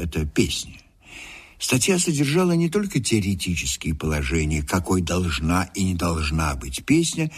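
A man reads documentary narration in a husky, slightly low voice. His pitch moves freely as he shapes each sentence, measured and expressive like a seasoned storyteller.

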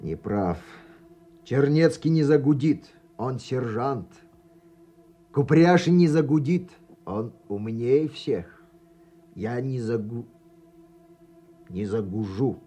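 A man's voice: mid-range voice, animated, takes it slowly, long pauses, warm tone. An actor playing a sardonic soldier who needles his comrades in a mocking drawl.

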